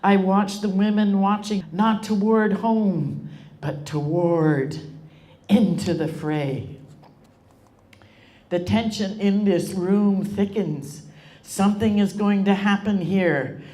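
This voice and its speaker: A woman author giving a live reading of her own poetry, with a measured, rhythmic delivery. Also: mid-range voice, dark tone. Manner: emotionally moved at points.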